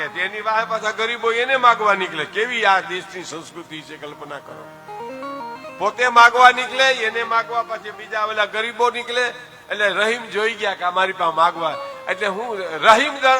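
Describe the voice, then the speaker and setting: An older man from telling a folk tale, addressing his listeners directly and swinging between soft asides and loud exclamations. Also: high-pitched. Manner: lively storyteller, often addresses listeners as "saheb". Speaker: folk storyteller.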